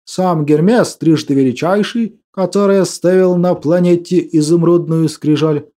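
A man voicing a talkative, eccentric male hospital patient, speaking slowly and deliberately in a warm voice. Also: fairly high pitch, lightly acted. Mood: insistent.

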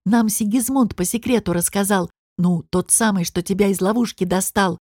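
A woman's voice: medium pitch, normal speed, darkish tone, no echo, clean studio sound, lightly acted. A woman voicing a sullen young guard. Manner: embarrassed mumbling. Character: sullen young man, the other guard brother.

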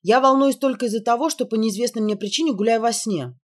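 A woman voicing a sharp young woman who speaks bluntly and matter-of-factly, with a dry wit. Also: on the high side, fast, natural voice. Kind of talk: audiobook character reading.

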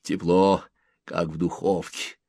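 A man voicing a weary old soldier in whispered role-play, speaking in a quiet, subdued whisper. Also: deep voice, level tone, slow, creaky, no echo, studio quality, heavily acted. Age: older.

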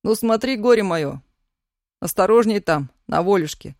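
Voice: medium pitch, animated, moderate pace, gravelly, darkish tone, no room sound, studio quality. A reader voicing a cheeky young lad from a youth colony who teases in a jaunty, raised voice in a storybook reading. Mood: teasing.

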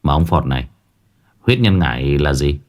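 A man's voice: rumbling low, animated, normal speed, voice pushed down. A man voicing an earnest young male sorcerer who gets flustered.

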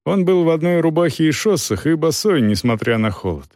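A man's voice: a little high, very animated, brisk, a little mellow, no room sound, clean studio sound. A man narrating a novel aloud, voicing many characters with expression. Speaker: audiobook narrator. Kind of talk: scripted narration.

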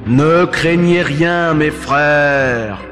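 A man's voice: fairly high pitch, in a large hall, over music, voice pushed up. Man doing a sly theatrical master thief. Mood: solemn. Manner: sly, theatrical, slow and solemn when disguised. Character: cunning, playful male master thief. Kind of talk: storybook character voice.

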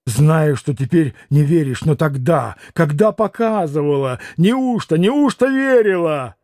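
A man's voice: fairly high pitch, lively intonation, unhurried, a little mellow, no room sound, studio quality. A man reading as a desperate passionate young man. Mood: tender.

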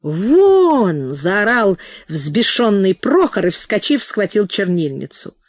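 A woman reading a novel aloud in expressive audiobook narration. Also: medium pitch, measured pace, no echo. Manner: expressive storytelling. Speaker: audiobook reader.

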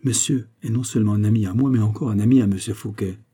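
A man voicing a teasing musketeer captain from a classic adventure storybook. He talks briskly and coaxes. The voice sits a little higher than the reader's own dark, husky tone. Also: steady tone. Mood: coaxing.

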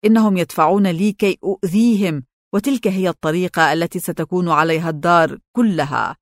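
A woman's voice: on the low side, fast talker, dry recording, studio quality, lightly acted. A woman voicing a cold, cruel young woman. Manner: cutting, scornful.

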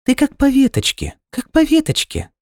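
A man voicing an excitable female squirrel in an audiobook, calling out in a shrill voice. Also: normal speed, no room sound, clean studio sound, exaggerated voice. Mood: excited calling. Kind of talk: audiobook character voice.

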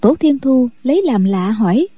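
Dark, husky woman story narrator. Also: a little high, animated, moderate pace, no echo. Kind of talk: radio story reading.

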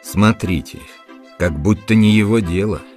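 A man's voice: lowish voice, a little slow, darkish tone, soft background music, natural voice. A man reading the part of a worldly middle-aged uncle, ironic and teasing in a storybook reading.

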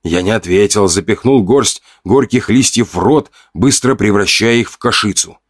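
A man narrating a first-person audiobook story in a steady, measured way. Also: lowish voice, no room sound, studio quality.

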